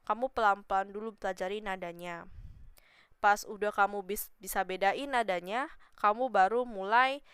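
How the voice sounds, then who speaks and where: A woman's voice: medium pitch, normal speed, a bit bright, smooth, no room sound, clean studio sound. A woman teaching Mandarin on a casual live stream, chatty and patient, modelling tones by repeating syllables.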